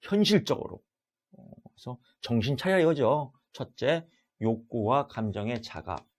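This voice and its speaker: A middle-aged man giving an exam-prep lecture, loud and animated, acting out little dialogues as he teaches. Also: medium pitch, unhurried.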